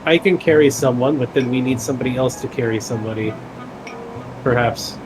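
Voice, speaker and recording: A man's voice: medium pitch, fairly quick, music in the background, voice pushed down, close to an everyday voice, rough recording. A man voicing a small shapeshifting adventurer with an aquatic form, musing in a hesitant way. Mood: pondering.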